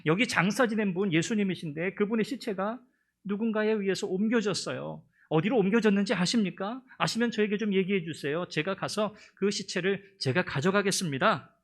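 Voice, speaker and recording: A woman's voice: medium pitch, fairly quick, pitched above the performer's own voice, close to an everyday voice. A male pastor voicing a grieving woman who pleads tearfully at a tomb. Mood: pleading.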